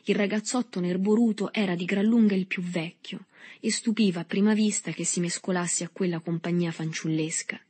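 A woman narrating a novel with a steady literary reading. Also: lowish voice, normal speed, slightly rough.

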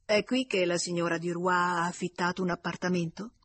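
A woman's voice: fairly low pitch, fairly even intonation, fairly quick, a bit bright. A woman reading a storybook voices a worried, displeased young man grumbling his thoughts. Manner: grumbling, muttered inner thoughts.

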